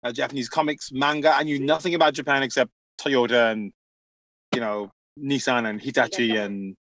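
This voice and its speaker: A man from Jamaica, an author being interviewed, telling his story in a lively, chatty way with plenty of fillers. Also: mid-range voice, moderate pace, no echo, low-quality recording. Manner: animated storyteller with frequent laughs and fillers. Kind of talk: casual conversational interview.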